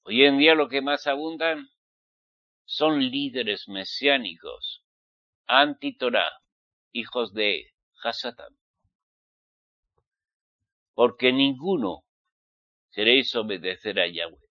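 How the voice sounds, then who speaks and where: This religious preacher, a man from Spain's Basque Country with a Spanish accent, lectures his listeners in an emphatic, admonishing sermon full of rhetorical questions. His mid-range voice has lively intonation, and he takes his time, pausing often. The recording is dry and dull.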